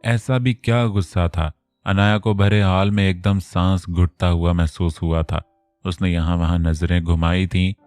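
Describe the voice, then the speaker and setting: A man narrating an Urdu romance novel in a steady storytelling manner. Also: low-pitched, measured pace, no echo, faint music behind.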